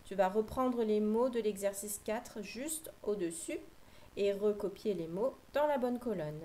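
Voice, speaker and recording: A woman teacher giving a slow, patient phonics lesson for young children, spelling out sounds clearly. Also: medium pitch, dark tone, low-quality recording.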